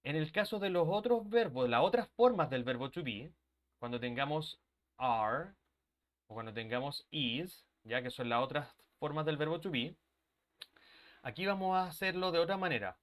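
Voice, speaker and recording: A man's voice: on the high side, lively intonation, moderate pace. A man teaching an online English grammar class, explaining step by step and checking in often with his students, sometimes drifting away from the mic as he moves to the board.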